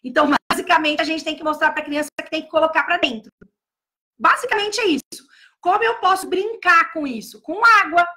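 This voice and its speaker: Loud, emphatic São woman teacher. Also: very high-pitched, brisk. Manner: emphatic, repeats key words, talks loudly. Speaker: early-childhood educator. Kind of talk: casual advice talk to teachers.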